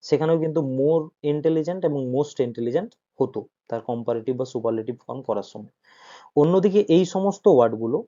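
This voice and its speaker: A man's voice: medium pitch, warm tone, dull audio. A man teaching a grammar lesson, explaining patiently, repeating points and checking that students follow.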